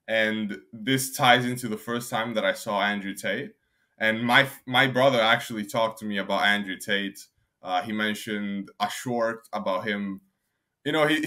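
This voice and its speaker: A young man talks in a bright, forceful tone. His voice sits a little low, and his answers ramble with restarts and fillers in a casual interview. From Albania. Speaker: guest.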